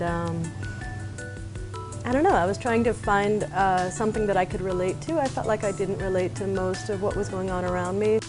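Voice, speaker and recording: A woman in her thirties from Atlanta, an artist talking about her work in a reflective interview, thoughtful and pausing often. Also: on the low side. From Atlanta, Georgia, US. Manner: thoughtful, pauses with fillers.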